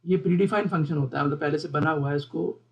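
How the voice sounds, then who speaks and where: A man teaching a beginner programming lesson, explaining each part of the code slowly and repeating the terms, often asking his viewers questions. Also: fairly high pitch. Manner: explains step by step, repeats terms, mixes English terms into Hindi. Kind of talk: screen-recorded coding lesson.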